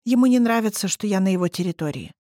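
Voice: mid-range voice, lively intonation, fast talker, dark tone, no room sound, clean studio sound, natural voice. A reader voicing a timid, sleepy young female cat creature with a meek, slightly nasal manner. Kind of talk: audiobook character reading.

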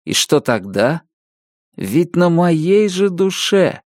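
Brief: man playing a sadistic officer, syrupy and sanctimonious, lively swings in pitch, dry close mic. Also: slow pace, no room sound. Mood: mock-gentle. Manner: mock-gentle, sanctimonious. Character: sly, cruel male officer feigning kindness.

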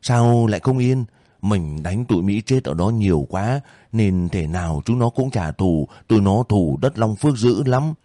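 A man reading the lines of a gentle, earnest young female volunteer in his own low voice. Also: expressive, normal speed, dry recording, studio quality, natural voice.

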